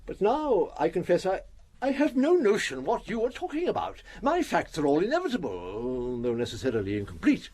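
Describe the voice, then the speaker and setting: Pompous, high-voiced British doctor. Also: male voice, huge pitch swings, fairly quick, darkish tone, heavily acted. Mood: condescending. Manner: pompous, pedantic, hesitant. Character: pompous, learned male doctor, earnest and self-important. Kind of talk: British radio drama acting.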